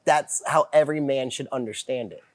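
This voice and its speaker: On a casual podcast, a male guest rambles about working in nightlife, restarting his sentences often and swearing freely. His medium-pitched voice moves fairly quickly, recorded with studio quality and no echo.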